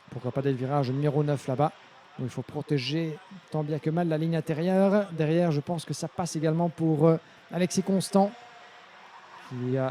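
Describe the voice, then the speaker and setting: A male motorsport commentator calls a live karting race in a high, soft-edged voice. He gets excited whenever the racing heats up. A faint layer of background noise sits behind him. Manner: excited when the action heats up.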